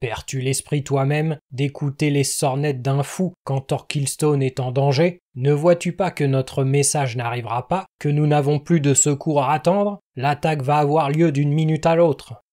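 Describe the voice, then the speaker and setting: A man's voice: on the high side, steady tone, normal speed, few pauses, mellow, natural voice. A man reading an audiobook, voicing a brutal Norman baron who barks threats and orders. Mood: threatening. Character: brutal, mocking Norman baron, middle-aged male.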